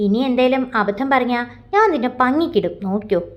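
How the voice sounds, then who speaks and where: A woman's voice: a little high, expressive, brisk, lightly acted. A woman voicing Minnu, a bossy, jumpy young woman in a storybook, talking in a hurry.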